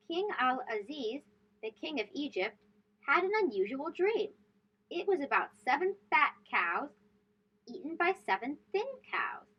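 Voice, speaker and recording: With a breathy edge to her high voice, a children's read-aloud host reads a storybook in a very animated, emphatic style, tossing questions to her young listeners. The audio is a little dull.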